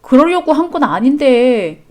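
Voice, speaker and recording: A woman's voice: high voice, big pitch swings, a little slow, darkish tone. A woman voicing a defensive young husband in a storybook chat drama, talking back with a sneering edge. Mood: apologetic.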